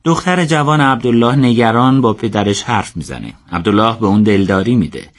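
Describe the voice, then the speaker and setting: A man narrates a radio drama in a steady, measured way. His voice sits fairly low, and he keeps an even storyteller's pace.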